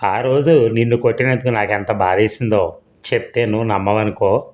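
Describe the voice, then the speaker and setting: A man's voice: on the low side, steady tone, moderate pace, lightly acted. A man voicing a hot-tempered young husband in a storybook reading, speaking in a regretful, pleading way. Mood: remorseful. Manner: coaxing, then regretful and pleading. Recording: dull lo-fi recording.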